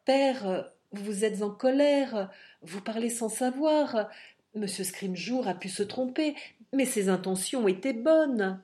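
A woman voicing a calm, gentle young woman who speaks softly and reasonably. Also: fairly high pitch, takes it slowly. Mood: conciliatory.

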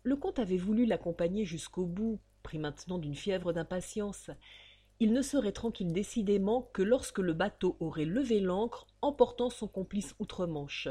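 A woman narrating an audiobook in a measured, expressive way. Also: medium pitch, husky.

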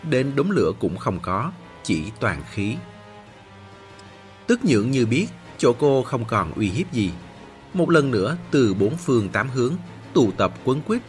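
A man narrating a novel as an audiobook, expressive and lively. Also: medium pitch, breathy edge.

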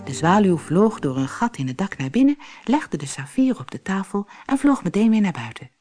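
A woman reading a fairy tale aloud for an audiobook in a calm, clear storytelling manner. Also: mid-range voice, moderate pace. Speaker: narrator. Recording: faint music behind the voice.

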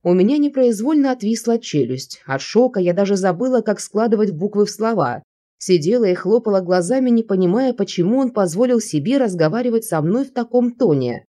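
A woman reads a first-person novel aloud as an audiobook narrator. Her voice is warm and mellow, sitting at a middling pitch. She narrates expressively. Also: animated, a little fast.

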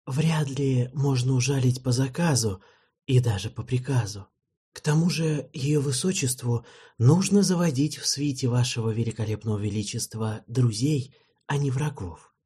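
A man voicing a sly, fawning necromancer courtier who speaks softly and suavely, with a husky voice. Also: medium pitch, moderate pace. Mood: silky. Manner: soft, suave, quietly flattering.

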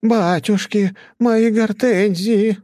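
A man voicing a flustered older woman, the lady of the house, with shrill, drawn-out exclamations. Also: expressive, darkish tone, no echo, clean studio sound. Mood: scandalized.

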